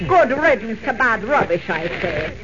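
A woman's voice: on the high side, sing-song, a little slow. Grumbling Irish landlady, old radio. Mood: grumbling gossip. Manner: folksy, blunt, chatty grumbling. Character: gossipy, grumbling older Irish landlady, nosy. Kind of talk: 1940s radio serial acting. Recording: muffled, noisy old radio recording.

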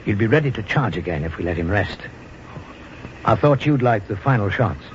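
An actor playing a hard, composed, quietly contemptuous safari hunter in a 1950s radio drama. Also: male voice, lowish voice, expressive, normal speed, lightly acted. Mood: calm, coaxing. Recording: muffled old radio, faint noise.

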